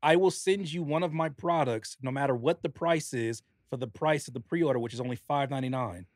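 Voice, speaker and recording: A man's voice: medium pitch, fairly quick, dry recording, studio quality. A man, a rapper and producer guesting on a podcast, earnestly and animatedly explaining his album pre-order bundle. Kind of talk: casual podcast chat.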